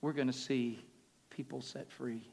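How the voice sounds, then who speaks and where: A man preaching a sermon in a booming, exhortatory motivational manner, insistently repeating phrases and calling on listeners to respond. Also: steady tone, a little slow, vocal fry, darkish tone. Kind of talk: sermon with altar call and prayer. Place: live service before a congregation. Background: music playing.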